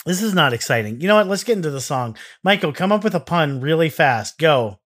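A man's voice: a little high, expressive, fairly quick, fairly bright tone. A man co-hosting a podcast, chatting casually in a rambling, self-interrupting, jokey way. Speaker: podcast co-host. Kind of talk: casual chat.

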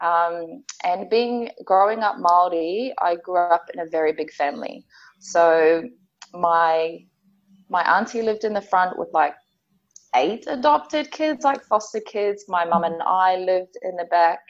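A woman with a New Zealand accent talks as a podcast guest, her voice sitting low. She speaks candidly and reflectively, with frequent ums and soft laughs. The sound is a little dull and lo-fi. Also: unhurried. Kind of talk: personal storytelling in conversation.

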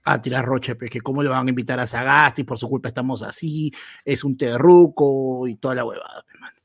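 A man with a Peruvian accent co-hosting a comedy podcast, telling stories in animated, slangy talk. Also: mid-range voice, brisk, creaky, husky, no echo, studio quality. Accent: Peruvian Spanish. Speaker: podcast co-host. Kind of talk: casual comedy banter.

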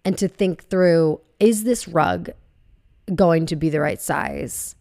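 A young woman co-hosting a podcast, chatting casually in a relaxed, rambling way full of fillers, into a podcast microphone. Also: lowish voice, takes it slowly, no echo, studio quality. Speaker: podcast co-host. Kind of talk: casual chat.

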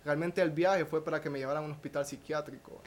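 A young man, a podcast guest telling a personal testimony in a halting way, with restarts and a questioning tag at the end of phrases. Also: fairly high pitch, steady tone, a little hiss or hum.

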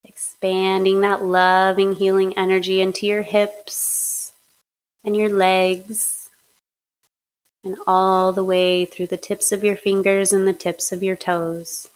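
A woman leading a guided hypnosis meditation in a slow, soothing, steady way. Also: medium pitch, poor audio. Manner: slow, soothing, monotone guidance.

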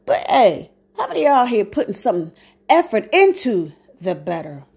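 A woman's voice: mid-range voice, big pitch swings, normal speed, gravelly, a little mellow, breathy edge. A woman talking straight to her viewers in a blunt, sassy rant full of slang. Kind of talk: casual monologue to viewers.

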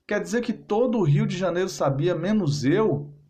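A man's voice: sits high, lively intonation, moderate pace, darkish tone, pitched above the performer's own voice. A man voicing a middle-aged husband who has been betrayed, bitter and anguished, speaking intensely.

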